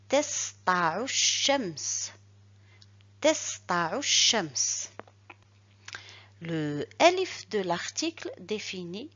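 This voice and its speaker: A woman teaching a recorded reading lesson, explaining rules step by step and slowly repeating each example word. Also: a little high, breathy edge, dull audio. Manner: slow, careful, repeats examples syllable by syllable.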